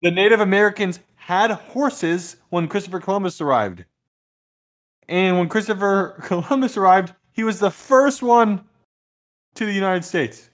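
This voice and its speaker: A man's voice: high voice, normal speed. A man co-hosting a casual podcast, talking loosely with slang and laughing a lot. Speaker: podcast co-host. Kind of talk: casual chat.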